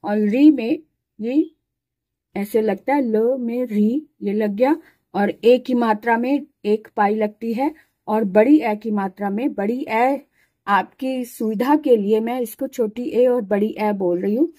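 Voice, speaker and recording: A woman's voice: on the high side, slow pace, warm tone, no echo. Woman teacher, patient alphabet lesson, sounds out syllables one by one, dry close sound. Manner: explains while writing, pointing at letters. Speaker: Hindi and Sanskrit teacher. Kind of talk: slow step-by-step alphabet lesson.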